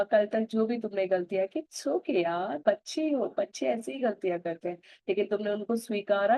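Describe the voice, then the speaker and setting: A woman leading a self-affirmation practice, speaking Hindi mixed with English and slowly repeating loving phrases to herself. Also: mid-range voice, mellow, dry recording, low-quality recording.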